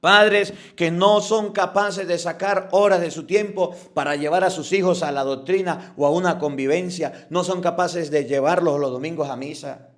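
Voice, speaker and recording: A man, a priest giving a fiery, scolding homily with sudden loud outbursts. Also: fairly high pitch, fairly even intonation, normal speed.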